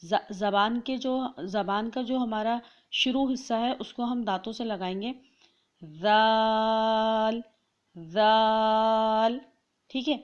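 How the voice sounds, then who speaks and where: A woman teaches letter pronunciation in an instructional lesson. Her voice sits fairly high and she draws out each sound slowly so listeners can copy it. The recording sounds dull and lo-fi. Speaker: Quran reading teacher.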